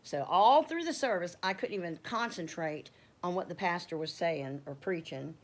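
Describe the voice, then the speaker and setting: Low-voiced middle-aged woman rambling heartfelt. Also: expressive, normal speed. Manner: rambling, heartfelt, self-correcting. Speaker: homeowner telling a faith story. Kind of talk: casual personal testimony.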